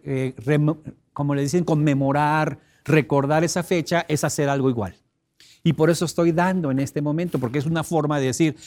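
A middle-aged man giving an expressive teleseminar talk, emphatic and repetitive, breaking into sudden loud cries to illustrate a point. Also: fairly high pitch. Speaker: personal development teleseminar speaker.

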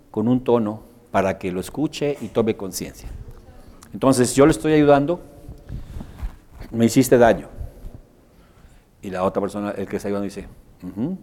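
A Mexican man leads a workshop in a room full of participants. His voice sits at an ordinary, middle pitch. He jokes with the group and drops his voice low and soft when he acts out examples. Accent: Mexican Spanish. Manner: animated, joking, acts out examples. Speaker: workshop instructor. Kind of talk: live workshop teaching. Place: workshop room with a live audience.

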